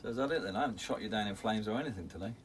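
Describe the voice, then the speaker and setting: A man's voice: on the low side, very fast. A man with a British accent chatting casually as co-host of an informal drinks show. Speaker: co-host of a whisky review show. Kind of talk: casual chat. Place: attic room. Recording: noisy room, distant from mic.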